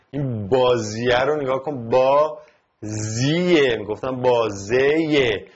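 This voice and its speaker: A man's voice: lowish voice, slightly rough, lo-fi sound. A male teacher with an Iranian Persian accent gives a recorded lesson, breaking lines of verse into syllables one at a time. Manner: spells out words syllable by syllable. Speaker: literature teacher. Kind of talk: recorded lesson explaining poetic meter.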